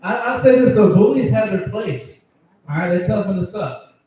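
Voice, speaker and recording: A man's voice: sits high, animated, normal speed, a crowd in the background. Crude stand-up comic man in an echoey club. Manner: crude, profanity-heavy, chuckles at his own jokes. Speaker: stand-up comedian. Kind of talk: stand-up comedy set. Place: comedy club stage with audience. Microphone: handheld stage mic. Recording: echoey room, mic picked up from a distance.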